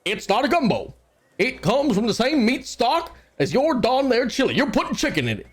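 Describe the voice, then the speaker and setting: Guy putting on a fired up folksy chili cook dude, high and loud. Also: very animated, normal speed, full character voice. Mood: heated. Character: hot-headed male chili cook, defensive.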